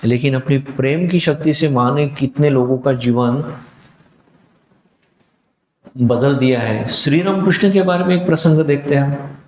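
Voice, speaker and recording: A monk gives a devotional talk, moving into short story scenes and speaking the lines of each person in them. His mid-pitched voice carries through a roomy hall, and a faint hum of background noise sits under it. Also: unhurried, long pauses, darkish tone. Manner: tells stories, acting out the voices of the people in them; explains with English words mixed into his speech. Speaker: monk giving a scripture talk.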